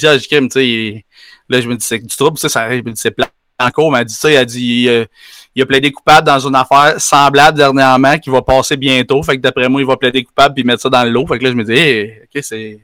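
A man with a Quebec French accent telling a story in casual chat, animated and slangy with lots of fillers. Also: mid-range voice, quick pace, smooth, dry recording, studio quality. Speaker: podcast co-host telling a story.

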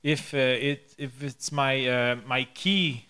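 A French-speaking man with a Quebec French accent, joking casually and searching for words in halting English. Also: mid-range voice, sharp tone.

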